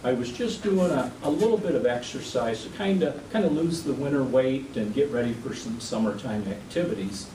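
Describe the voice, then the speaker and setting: A man's voice: mid-range voice, expressive, brisk, hardly any pauses, warm tone. Echoey, distant man giving a podium speech. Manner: informal, self-deprecating humour. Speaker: club member giving a prepared speech. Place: meeting room at a podium. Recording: echoey room, distant mic, clear background noise.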